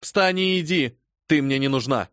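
A man's voice: on the high side, moderate pace, a bit bright, dry recording, clean studio sound, close to an everyday voice. A man voicing a cold, scornful noblewoman who gives harsh commands in an audiobook reading.

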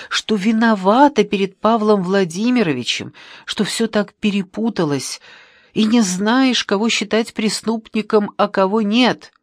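An audiobook narrator reading a story in a steady, measured way. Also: medium pitch, no room sound, clean studio sound.

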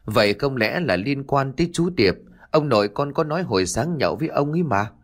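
A man's voice: mid-range voice, lively intonation, fairly quick, pitched above the performer's own voice, natural voice. A man voicing a worried, tender village mother who comforts her daughter. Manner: comforting, gently warning.

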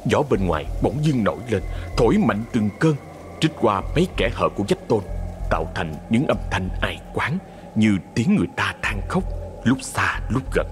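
Male narrator, ghost story, low voice, lively intonation, faint music behind. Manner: measured, expressive storytelling.

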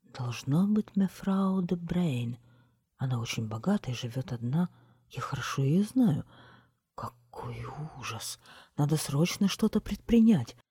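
A woman voicing a pompous male mayor who has been turned into a small mouse, squeaking and giving orders. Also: lively intonation, unhurried, mellow, husky, full character voice. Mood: worried. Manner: squeaky, indignant, commanding.

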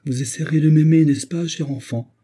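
A man voicing an older, fussy, motherly gentlewoman who talks in an effusive, doting way. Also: on the high side, normal speed, husky, voice pushed up.

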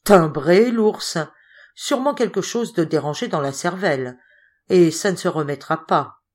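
Woman reading brisk expedition leader, man, firm and reassuring, slightly raised voice, audiobook. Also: high voice, animated. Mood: impatient.

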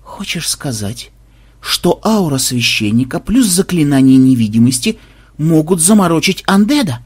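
A brash young warlock programmer, as a male reader puts him on, loud and excitable, his voice leaping high and swinging all over as he yells. The tone is husky and breathy. It sounds like a lively storybook reading. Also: normal speed. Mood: puzzled. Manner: loud, excitable, often yelling.

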